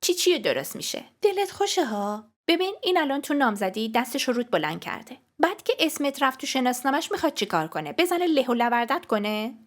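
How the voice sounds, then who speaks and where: A woman voicing an anxious, protective young sister in a storybook, speaking urgently and pleadingly in a raised, higher voice. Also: big pitch swings, hardly any pauses.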